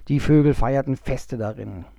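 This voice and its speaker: A man voicing an old male goblin in a storybook reading, unhurried and a little grumbling. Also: mid-range voice, creaky, dark tone, no echo, studio quality, natural voice. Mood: patient.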